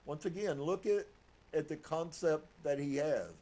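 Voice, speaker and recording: A man preaching earnestly as a pastor, reading from a book and reflecting on it with soft laughs. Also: a little high, a little slow. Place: live stream.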